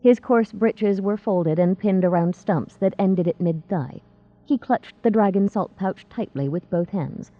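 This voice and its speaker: A woman narrating a fantasy novel in a steady, measured reading. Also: mid-range voice. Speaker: audiobook narrator. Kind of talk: scripted narration. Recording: tinny phone-like dry sound.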